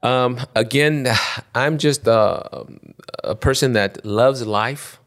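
Guy in his 60s from ecuador, gravelly, keeps restarting his sentences, chatting on a podcast. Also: medium pitch, fairly bright tone. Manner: halting, restarts phrases often. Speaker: podcast guest. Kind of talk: spontaneous conversation.

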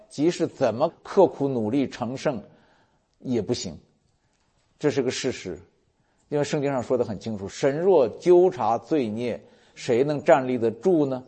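A male pastor preaching a sermon, retelling scripture stories earnestly and warmly. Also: mid-range voice, slightly rough. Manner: earnest, warm storytelling preacher quoting scripture.

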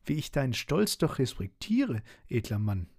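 A man's voice: medium pitch, very animated, moderate pace, darkish tone, slightly rough, voice pushed up. A man voicing a small, cheeky, fearless creature in a bedtime storybook reading, with a chirpy, mock-polite manner.

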